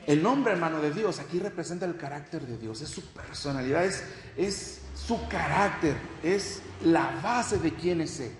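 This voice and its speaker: A pastor preaches in a fairly high voice, pressing his points with repeated addresses to his brothers and sisters. His words carry a long echo through a church hall, with faint noise behind. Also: expressive, moderate pace, few pauses. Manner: emphatic preaching, repeats "hermano". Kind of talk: sermon.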